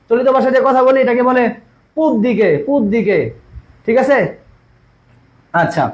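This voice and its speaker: Guy teaching spelling online, very high voice, keeps repeating and quizzing. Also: rough recording. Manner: repetitive, asks students rhetorical questions. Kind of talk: online exam-prep lesson.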